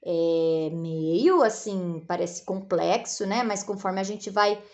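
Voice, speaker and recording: In a recorded lesson for kids, a female teacher from Brazil speaks Brazilian Portuguese at a slow pace, breaking words into syllables and often making sure the children follow. Her voice is medium in pitch with a darkish tone.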